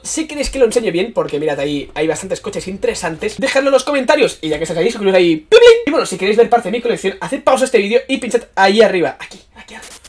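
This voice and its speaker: A man giving excited, casual commentary while playing a racing game. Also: high voice, racing, hardly any pauses. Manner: exclaiming, lively, casual slang. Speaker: gaming youtuber. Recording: distant mic with loud game music.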